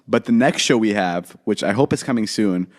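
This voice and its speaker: A young man co-hosting a podcast, trading quick, joking banter and laughing often. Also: fairly low pitch. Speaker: podcast co-host.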